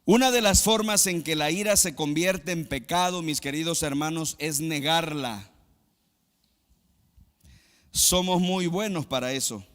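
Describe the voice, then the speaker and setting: A male pastor from Mexico preaching a sermon, moving between loud emphatic exclamations and quiet low asides. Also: in a large hall.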